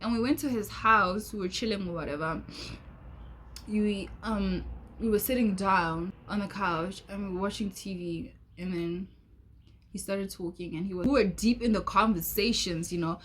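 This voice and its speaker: A woman's voice: medium pitch, normal speed, a bit bright, slight background noise. A young woman with a South African accent telling a casual storytime vlog, chatty and rambling, repeating herself and filling gaps with "da da da". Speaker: vlogger.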